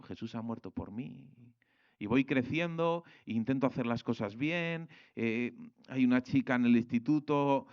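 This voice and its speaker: Young guy from spain preaching, chatty and animated, kinda dull dry recording. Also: mid-range voice, clean tone, no echo. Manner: animated, acts out quoted voices, colloquial. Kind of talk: sermon.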